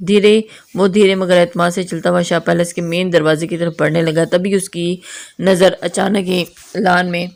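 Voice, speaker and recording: Woman reading a romance novel out loud, lowish voice, steady. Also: gravelly. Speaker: novel narrator.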